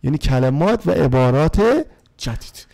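A man with a Persian accent, a Persian-speaking teacher explaining English vocabulary to students. He reads English sentences slowly and then translates them. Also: medium pitch, gravelly, dark tone. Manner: addresses the class as kids.

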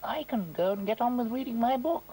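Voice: medium pitch, expressive, fairly quick, mellow, breathy edge, rough recording. A performer voicing an absent-minded, bookish male professor in a children's puppet cartoon, mild and apologetic. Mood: kindly.

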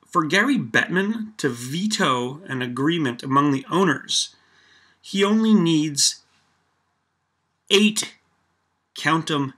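Casting: sarcastic Canadian guy ranting to camera, bright forceful tone, slow deliberate delivery. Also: a little high, slightly rough. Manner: sarcastic, animated, filler-heavy. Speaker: vlog host. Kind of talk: casual opinion rant.

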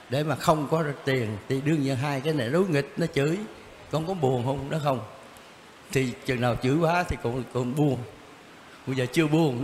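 An older man, a Zen teacher answering questions in a blunt, casual way, chuckling and repeating himself. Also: medium pitch. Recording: reverberant room, faint background noise.

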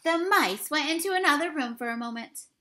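In a small indoor room, a young woman reads a children's storybook aloud expressively, her high voice pushed and bright with lively intonation. Like a teacher, she is deliberate and asks her young listeners questions.

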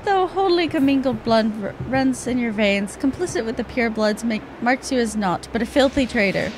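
A woman's voice: fairly high pitch, expressive, moderate pace, slight background noise, natural voice, low-quality recording. A woman voicing an unhinged, pompous male villain from a fantasy video game, with grandiose, scornful declaiming. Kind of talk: reading game dialogue aloud.

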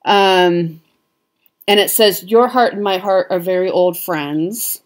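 A woman's voice: lowish voice, slow. A woman with a Midwestern American accent chatting casually as a cross-stitch vlogger, with frequent ums. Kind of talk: casual show-and-tell chat.

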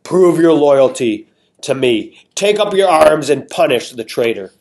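A man's voice: fairly high pitch, animated, a little slow, darkish tone. A man doing a pompous cruel tyrant king. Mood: proclaiming. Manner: pompous, menacing, proclaiming.

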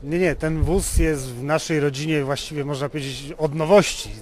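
In an informal interview, a Polish classic car owner and hobby restorer gives wordy explanations, frequently restating his points. He speaks at normal speed in a steady voice that's on the high side.

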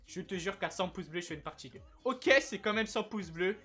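A man chatting casually as a gaming video host, slangy and laid-back with quick asides. His voice sounds strained and worn. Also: high voice, sharp tone.

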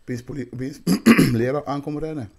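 A man from Curaçao, telling anecdotes in casual podcast chat. He plays out the voices of the people in his stories, dropping into quick quoted exchanges. His voice sits at an ordinary pitch for a man. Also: creaky. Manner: animated anecdotes, acting out quoted dialogue. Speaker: podcast guest.

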